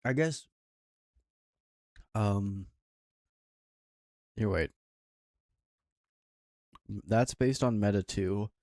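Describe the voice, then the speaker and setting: A man's voice: lowish voice, extremely slow, long pauses, darkish tone, no echo, clean studio sound. A man livestreaming while coding, thinking aloud in a mumbling, trailing-off way. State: talking with his mouth full.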